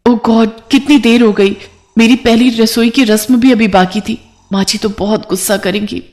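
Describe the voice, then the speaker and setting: A woman's voice: fairly high pitch, fairly even intonation, moderate pace, a little mellow, pitched above the performer's own voice, natural voice. A woman voicing a timid young bride who pleads and stammers. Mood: worried. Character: timid young bride, anxious and easily frightened.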